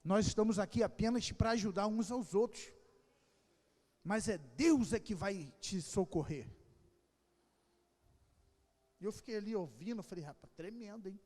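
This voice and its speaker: A man pastor preaching an impassioned sermon with a Rio de Janeiro accent, swinging between shouted calls and quiet asides. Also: sits high, normal speed. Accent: Rio de Janeiro Portuguese. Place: church hall. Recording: long church hall reverb.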